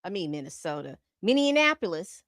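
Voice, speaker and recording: On her commentary channel, a woman reads from a report and keeps interrupting herself with exasperated remarks. She speaks at a moderate pace in a fairly low, fairly bright voice with big pitch swings. There's no echo.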